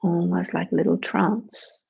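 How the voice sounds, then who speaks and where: Slow, very creaky, breathy meditation guide. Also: mid-range voice, fairly even intonation, dull audio. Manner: hushed, unhurried instruction with long pauses.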